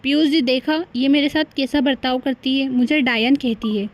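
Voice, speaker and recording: A woman's voice: high voice, steady tone, normal speed, highs cut off, natural voice. A woman voicing a jealous, quarrelsome young wife in a cartoon story, indignant and bickering.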